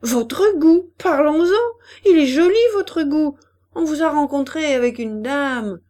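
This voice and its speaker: A woman reading aloud, voicing a sharp-tongued, jealous society lady who scolds indignantly. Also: on the high side, big pitch swings, moderate pace. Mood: angry.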